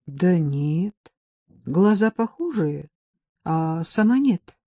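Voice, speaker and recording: A woman voicing a fretful older mother who speaks slowly and unsurely, in a low, mellow tone. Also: expressive, dry recording, full character voice. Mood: hesitant. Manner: hesitant, slow and unsure.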